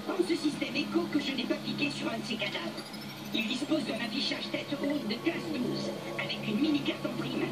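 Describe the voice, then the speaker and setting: An actor voicing a talkative little male robot sidekick in a video game dub, his high, bouncy speech run through a robotic voice filter. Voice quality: high, bouncy, babbling delivery. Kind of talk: dubbed video game dialogue. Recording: game audio heard at a distance over loud music.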